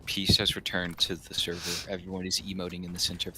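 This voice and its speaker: A man's voice: sits low, monotone, fast, a crowd in the background. A man streaming a video game, chatting casually and rambling off into enthusiastic tangents. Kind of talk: casual gaming stream chat.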